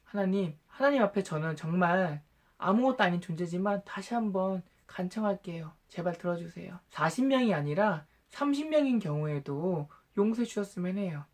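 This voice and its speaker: A man's voice: sits high, lively intonation, normal speed. A man voicing Abraham, an old man who pleads humbly and earnestly, in a Bible storybook reading. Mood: pleading.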